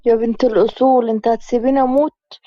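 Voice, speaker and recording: A woman's voice: on the high side, steady tone, fast talker, no room sound, highs cut off, natural voice. A woman with an Egyptian accent voicing a wounded man on the run who pleads urgently for help. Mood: urgent pleading. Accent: Egyptian Arabic.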